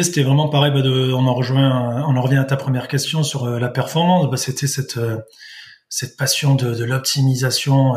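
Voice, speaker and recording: Here a sports dietitian-nutritionist from Vaucluse in southern France, a man in his thirties, explains his work while being interviewed. He has a middle-pitched, darkish voice and sounds hesitant, pausing, filling gaps and restarting as he talks.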